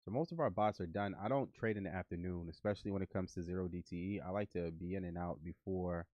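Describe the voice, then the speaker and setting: Talking fast in a low, somewhat dark voice, this livestream host mumbles to himself and to his trading bots while he codes them. He's recovering from the flu, so he sounds nasal, and the casual stream is recorded dry with a lo-fi feel.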